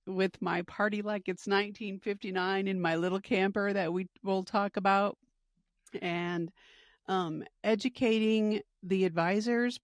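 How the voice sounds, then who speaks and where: A middle-aged woman, a podcast host and retirement educator, talks about her work in a casual interview chat. Her medium-pitched voice is earnest, upbeat and rambling with fillers, recorded at studio quality with no room sound.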